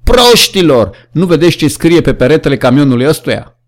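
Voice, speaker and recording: A man voicing an old male donkey in a storybook reading, raised and urgent as he shouts warnings. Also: mid-range voice, expressive, close to an everyday voice. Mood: alarmed.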